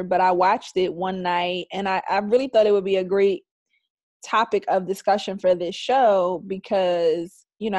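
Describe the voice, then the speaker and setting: A woman's voice: fairly low pitch, darkish tone, no room sound. Chatty woman podcast host, dry sound. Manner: chatty, laughs often. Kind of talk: casual podcast chat.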